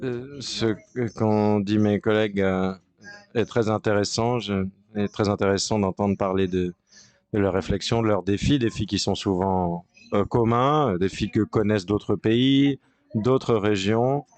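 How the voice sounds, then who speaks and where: Interpreting a panel discussion simultaneously, this man stumbles along with frequent pauses and restarts. His voice is on the low side and darkish in tone.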